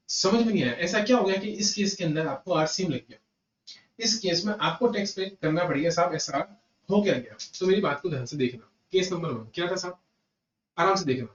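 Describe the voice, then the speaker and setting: An Indian man giving a classroom lecture to students, repeating each point and talking to them directly in an animated way. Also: sits high, a little hiss or hum. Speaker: GST lecturer. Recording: echoey room, distant muffled mic.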